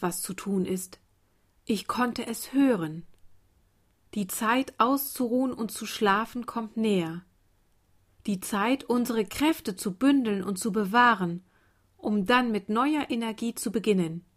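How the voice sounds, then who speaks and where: A woman voicing a small, weary daisy child in a storybook, speaking softly and gently. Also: a little high, slow pace. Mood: hopeful. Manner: soft, weary, hushed. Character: tiny tired young daisy child.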